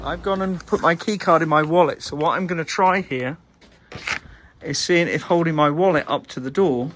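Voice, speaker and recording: A man chatting casually on a road trip vlog, relaxed and full of fillers. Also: on the high side, moderate pace. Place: outdoors and in a car, on the road. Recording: outdoor background noise.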